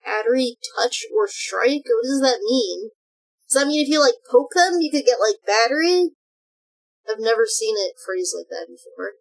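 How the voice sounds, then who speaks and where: A woman's voice: fairly high pitch, expressive, normal speed, poor audio. A woman streamer giving casual reaction commentary in a cute anime streamer manner.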